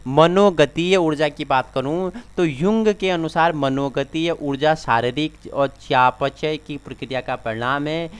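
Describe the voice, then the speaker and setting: Male exam-prep teacher with a smooth, slightly high voice, drilling points over and over. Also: measured pace, hardly any pauses.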